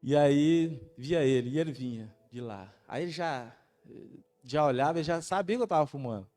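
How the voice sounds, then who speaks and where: A Brazilian man giving a testimony sermon as a missionary student, talking in a halting, conversational way with many restarts. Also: a little high, a little mellow. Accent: Brazilian Portuguese.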